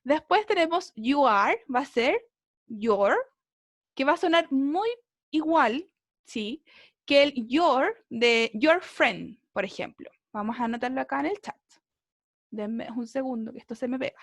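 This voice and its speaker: Woman teacher on a video call, high voice, super dry sound, keeps asking if everyone gets it. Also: normal speed, no room sound. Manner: patient, keeps checking understanding with tag questions. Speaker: English teacher. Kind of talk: online class explanation.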